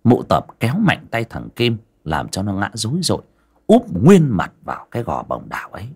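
A man narrating an audio story in a lively storytelling manner. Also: on the low side, moderate pace, breathy edge.

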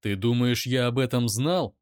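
A man playing an angry young man who shouts back in his own defense. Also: medium pitch, moderate pace, clear, resonant tone, dry recording, studio quality, lightly acted.

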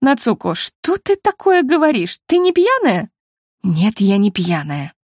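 A woman's voice: on the high side, huge pitch swings, unhurried, darkish tone, no room sound, studio quality, heavily acted. A woman reading an audiobook, voicing an exasperated older sister who scolds on the phone in a raised, reproachful tone. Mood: indignant.

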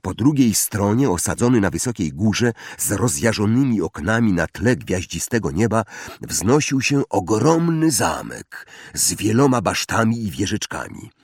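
A man reading an audiobook aloud in a measured, expressive way. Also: fairly low pitch, slightly rough, no echo, clean studio sound. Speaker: audiobook narrator. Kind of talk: audiobook narration.

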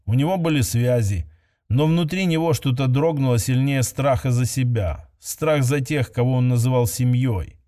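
A man reading a science-fiction story aloud as narrator, steady and even. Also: medium pitch. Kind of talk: scripted audiobook narration.

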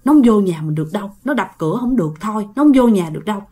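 A woman voicing a calm, stubborn middle-aged male shopkeeper who reassures his wife. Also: medium pitch, rapid-fire, slightly rough. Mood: reassuring. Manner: reassuring, dismissive.

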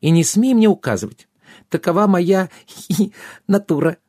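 A man voicing a tiny bossy female fairy with a high, pert, squeaky manner. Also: sing-song, brisk, darkish tone, breathy edge, no room sound, clean studio sound. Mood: cheeky.

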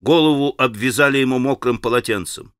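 A man reading a classic novel aloud as an audiobook narrator, in a dramatic, expressive manner. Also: medium pitch, a little fast, clear, resonant tone, no echo, studio quality. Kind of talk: scripted literary narration.

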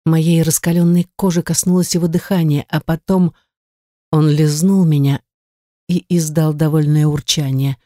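Mellow-voiced woman reading an audiobook. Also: sits low, little pitch movement, normal speed, dry recording, studio quality. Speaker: audiobook reader. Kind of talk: first-person erotic audiobook narration.

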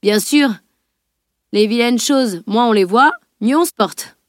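A burly, dry-witted man, put on by a woman reading aloud, teasing in a raised, loud voice. His jabs land flatly and calmly. The recording is close and dry. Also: on the high side, unhurried, no room sound, natural voice.

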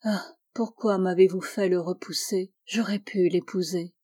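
A woman's voice: fairly low pitch, steady tone, measured pace, dark tone, breathy edge. A woman voicing an anguished, fervent young woman who was once blind, speaking with pleading intensity that rises to vehemence, in an audiobook. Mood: confessing.

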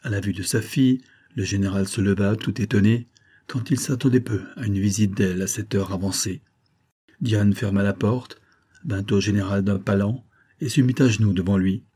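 A man reading a novel aloud as audiobook narrator in a measured, steady way. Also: on the low side, slightly rough. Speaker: audiobook reader.

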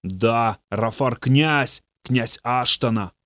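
A man voicing a boastful male demon speaking through a possessed youth, in a slow, low, gloating way. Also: a bit bright, no room sound, clean studio sound. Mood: frenzied.

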